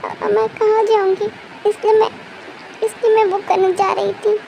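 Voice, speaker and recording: Sobbing young woman, stammering through tears, very high and mellow, voiced by a woman. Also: level tone, normal speed, slight background noise, low-quality recording. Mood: tearful.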